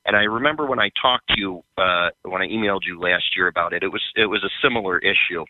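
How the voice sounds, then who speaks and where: A man calling in to a radio show over a phone line, talking in a hesitant, halting way with many fillers. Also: low voice, no room sound. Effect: heard over a phone line. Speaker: caller. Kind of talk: call-in conversation. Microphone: phone held by the caller.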